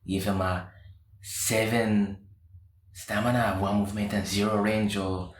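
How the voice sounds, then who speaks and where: A man co-hosting a casual chat about game design, soft-spoken and trailing off quietly. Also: on the low side, level tone, measured pace, reverberant. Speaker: podcast co-host.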